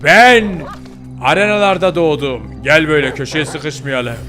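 Cocky young pitbull pup, a guy voicing it, high voice, music in the background. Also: a little slow, pushed and bright. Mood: boastful. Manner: boastful, then stammering in panic. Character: young muscular male pitbull pup, boastful and hot-headed.

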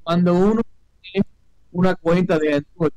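A man, a lawyer guest on a radio call-in, explaining finances in a halting way while his phone call keeps cutting out. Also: high-pitched, steady tone, mellow, no echo. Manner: hesitant, halting, many restarts. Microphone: phone line.

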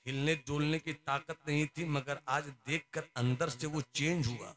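A man's voice: on the high side, steady tone, a little slow, a bit bright. A male preacher giving a sermon, telling a story with dramatic, rhythmic repetition and sung verse.

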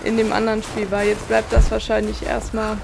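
A woman's voice: a little high, monotone, a little fast, music in the background. A woman giving casual gameplay commentary in a blunt, impatient, colloquial way. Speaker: let's player. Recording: clear background noise.

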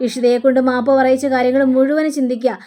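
A woman's voice: high-pitched, fairly even intonation, fast talker, dark tone. A woman narrating a recap of a TV serial, retelling the episode in a plain, conversational way. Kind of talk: casual story retelling.

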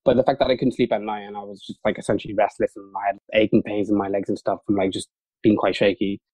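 The audio is poor and dry, carrying a lowish, level, dark-toned male voice. It belongs to a young junior doctor whose first language is Urdu, who chats casually and rapidly as an interview guest with many fillers and restarts.

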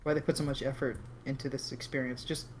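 A man's voice: medium pitch, flat delivery, fast, a little hiss or hum. A man co-hosting a casual reaction podcast, rambling with hesitant restarts as he gives his take. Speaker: podcast co-host. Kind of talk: casual group reaction chat.

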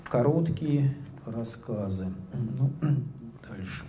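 A man in his forties, an author, reads his own short stories aloud at a book evening, speaking calmly and steadily with pauses into a handheld microphone indoors. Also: medium pitch, slight background noise. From Russia. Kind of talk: public reading of short prose. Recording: roomy echoing hall.

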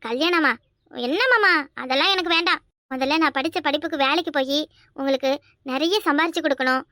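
In a clean, echo-free studio recording, a woman with a high, sharp, fairly quick voice plays a cartoon character. The character is a cheeky, earnest young unmarried village girl, spirited and fond, who speaks with a Kanyakumari Tamil accent.

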